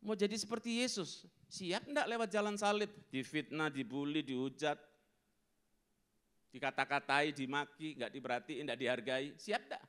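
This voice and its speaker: A male pastor preaching a sermon at a church service, animated, acting out scenes and asking the congregation questions. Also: fairly high pitch, moderate pace, clean tone.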